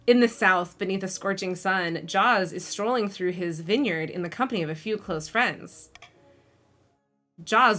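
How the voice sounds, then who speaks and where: Bright, giggly woman hosting a game stream. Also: mid-range voice. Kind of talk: casual live-stream chat and narration. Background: faint music.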